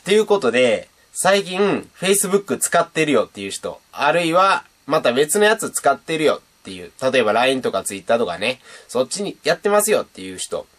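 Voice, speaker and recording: A young Japanese man teaching beatboxing on his channel keeps it chatty and lively, demonstrating sounds throughout this casual lesson. His mid-range voice moves at a moderate pace with hardly any pauses.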